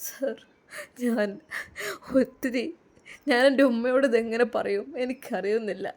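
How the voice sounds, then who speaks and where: A woman voicing a heartbroken young male police officer who pleads in a low, sobbing voice. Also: measured pace, a little mellow.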